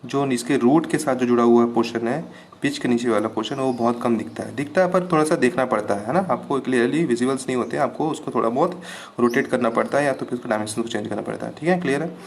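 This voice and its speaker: A man teaching an engineering class, explaining each term slowly and checking over and over that students follow. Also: medium pitch, creaky. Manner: patient, repeats terms with "ठीक है, clear है" checks. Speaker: engineering lecturer. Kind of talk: classroom lecture.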